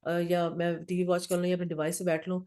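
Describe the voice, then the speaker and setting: A woman's voice: on the low side, flat delivery, darkish tone, clear, resonant tone. A middle-aged woman, hosting a casual group talk on parenting. She explains with personal stories and slips in English phrases.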